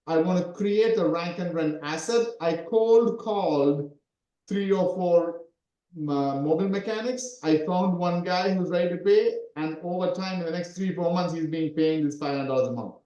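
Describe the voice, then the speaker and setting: A man in his forties, raised in Sri Lanka, talks in a high but mellow voice, coaching and again and again asking "right?" to check that people follow. The sound has a roomy echo, as if it was taken on a call in an untreated room. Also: dull audio. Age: 40s. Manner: repetitive, keeps asking "right?". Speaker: SEO coach. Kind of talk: coaching talk in an interview.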